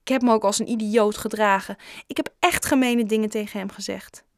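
A woman voicing an upset runaway boy in an audiobook, pitched up and defensive. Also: fairly even intonation, fairly quick, no echo, studio quality, lightly acted. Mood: remorseful. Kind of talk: audiobook character reading.

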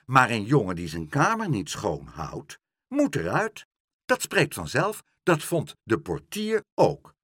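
A man's voice: mid-range voice, huge pitch swings, slow pace, a bit bright, slightly rough, no room sound, studio quality, heavily acted. A man reading a storybook aloud, voicing a smug, bossy middle-aged woman who gloats over her neighbour. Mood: smug, haughty. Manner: haughty and gloating.

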